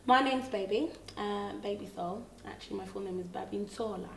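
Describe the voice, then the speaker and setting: A woman's voice: medium pitch, a little fast, creaky, a little hiss or hum. A woman from Congo, a singer-songwriter, talking thoughtfully about her songwriting and searching for her words. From Democratic Republic of Congo. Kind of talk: reflective interview talk. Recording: roomy, slightly distant mic.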